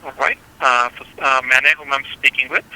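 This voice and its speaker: A man's voice: medium pitch, steady tone, a little fast, sharp tone. A man with an Indian accent working as a call center agent, speaking politely and formally by the book over the phone. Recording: tinny telephone line.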